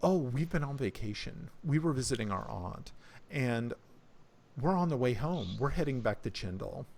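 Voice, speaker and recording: A man's voice: mid-range voice, animated, moderate pace, gravelly, darkish tone. A man voicing an eager, friendly aristocratic young girl in a tabletop game. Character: chatty excited aristocratic girl.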